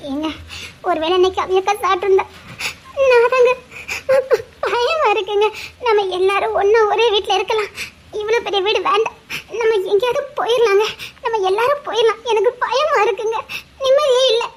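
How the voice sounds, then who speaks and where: A woman's voice: very high voice, fairly quick, slight background noise. A woman acting a frightened young wife who pleads tearfully with her husband in a family drama. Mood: scared, tearful.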